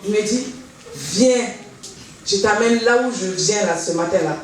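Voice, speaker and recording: A woman giving a spoken testimony in church, telling her story in a lively way and acting out the voices of the people in it. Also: medium pitch, a little fast. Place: church hall. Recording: echoey hall from far off, faint noise.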